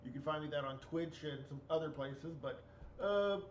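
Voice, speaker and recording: A man's voice: on the high side, moderate pace. A man in his forties co-hosting a casual podcast chat, hesitant and full of fillers. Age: 40s. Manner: hesitant, many fillers and restarts. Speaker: podcast co-host. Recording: distant echoey muffled mic with faint hiss.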